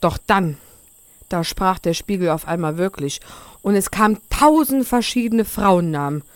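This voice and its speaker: A woman's voice: fairly low pitch, animated, unhurried, no room sound. Frau Holle, a woman as a gossipy granny. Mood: chatty. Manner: gossipy, chatty. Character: ancient chatty fairy-tale housewife, Frau Holle. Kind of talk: comic radio play.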